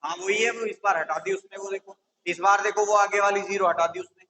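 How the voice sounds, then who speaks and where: Maths teacher guy, kinda high voice, goes slow n patient thru each step. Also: fairly even intonation, sharp tone, low-quality recording. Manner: patient, step-by-step, checks with "theek hai". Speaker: maths tutor for exam coaching. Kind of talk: whiteboard maths lesson.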